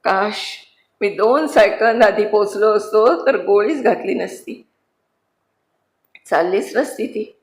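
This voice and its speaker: A woman doing a quiet, humble convict. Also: mid-range voice, slow pace, long pauses, close to an everyday voice. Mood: subdued, solemn. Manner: respectful, subdued, addresses the jailer as sir. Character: humble male convict, quiet, remorseless protector. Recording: roomy echo.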